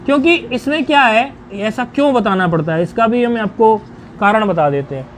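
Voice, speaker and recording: A man teaching a grammar lecture, explaining rules deliberately and chanting each rule syllable by syllable. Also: high voice, lively intonation, a little hiss or hum.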